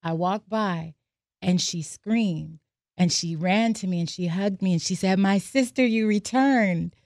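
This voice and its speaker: A woman's voice: lowish voice, steady tone, unhurried, creaky, darkish tone, no echo, studio quality. An American woman on a podcast, telling reflective personal stories and reading aloud from her journal. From United States. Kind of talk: casual podcast discussion.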